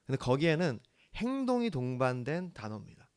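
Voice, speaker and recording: A man preaching a sermon as the church's pastor, earnest, swinging from hushed lines to emphatic ones. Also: medium pitch, very animated, brisk, smooth.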